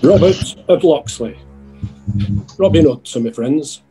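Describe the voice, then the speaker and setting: A man playing an earnest, genial out-of-work outlaw in a pantomime sketch, with a husky voice. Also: on the high side, lively intonation, slow, mellow, faint music behind, poor audio.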